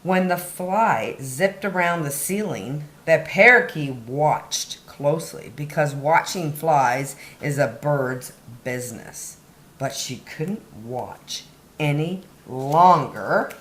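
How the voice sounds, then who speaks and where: Reading to little kids, this woman takes it slow, her slightly low voice a touch bright and her intonation lively. She hits important words with dramatic weight as her pitch rises and falls broadly, all in an echoey indoor space.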